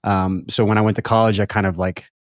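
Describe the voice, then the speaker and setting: Speaking fast in a fairly low, flat-ish voice with little pitch movement, a thirties-aged podcast host of Brazilian family background chats through a casual interview. His talk rambles, full of fillers and repeated words. The tone is clean, with no echo and clean studio sound.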